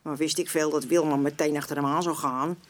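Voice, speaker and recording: In a Dutch radio drama, an actress plays a feisty, proud old woman who is blunt and colloquial, sounding upset and confiding. Her low voice is steady and a little fast, with light acting.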